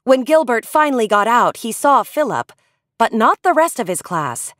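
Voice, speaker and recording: A woman reading a children's story aloud in an expressive storytelling manner. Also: a little high, normal speed, no echo, studio quality. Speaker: audiobook reader.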